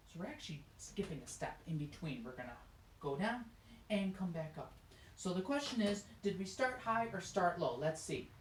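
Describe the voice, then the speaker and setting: Woman music teacher of middle pitch, patient and encouraging, recorded in a roomy space. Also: a little hiss or hum. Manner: encouraging, explains step by step, sings short demonstrations. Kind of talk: recorded music lesson for children. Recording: echoey room.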